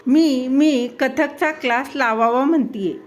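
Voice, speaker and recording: A woman's voice: high voice, animated, slow pace. A woman voicing a timid middle-aged housewife who stammers and later cries out, in a storybook reading. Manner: hesitant, stammering, then shouting through tears.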